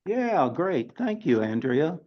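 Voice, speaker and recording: A man in his seventies teaching a class, often pausing and filling gaps with "uh" and "um". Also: fairly high pitch, big pitch swings. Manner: halting, many filler sounds. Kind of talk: lecture to a class. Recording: dull lo-fi recording.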